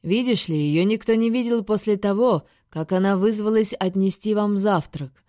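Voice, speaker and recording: A woman's voice: mid-range voice, moderate pace, warm tone, dry recording, studio quality, pitched above the performer's own voice, lightly acted. A woman voicing a languid, venomous male alien overlord in an audiobook, drawling and sneering.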